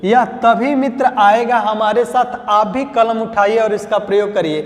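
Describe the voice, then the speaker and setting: A Hindi-accented man with a high voice teaches spelling in a coaching class. He speaks slowly and drills each word through repetition and quick questions. The sound carries the long reverb of an echoey hall. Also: steady tone. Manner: drills words by slow repetition and quizzing. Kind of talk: spelling lesson at a whiteboard.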